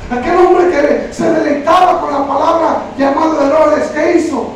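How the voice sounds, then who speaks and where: High-voiced preacher in an echoey room. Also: male voice, fairly even intonation, moderate pace, a faint crowd. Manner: addresses listeners as brother constantly, retells Bible stories. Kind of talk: sermon. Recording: very echoey room, from far off, faint noise.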